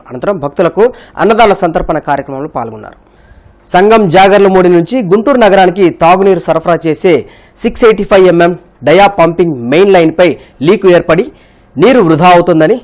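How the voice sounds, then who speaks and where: Male newsreader, fast formal delivery, high voice. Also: a little mellow. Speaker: news reader. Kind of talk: scripted news reading.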